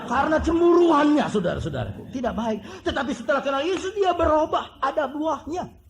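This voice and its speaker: A man preaching a sermon, animated and joking, with mimicked voices and whistle sounds. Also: extremely high pitch, brisk, creaky, noisy background. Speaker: pastor.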